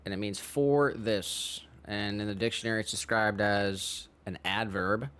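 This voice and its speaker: A man co-hosting a live stream from a pottery studio, chatting casually and giving chat shout-outs with easygoing fillers. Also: fairly low pitch, fairly even intonation, unhurried, clear, resonant tone. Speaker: livestream co-host.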